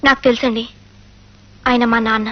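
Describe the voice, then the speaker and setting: An actress playing an eager young newlywed wife in a comedy film, talking quickly and pleadingly. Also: female voice, a little high, steady tone, very noisy, close to an everyday voice. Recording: dull film audio with music.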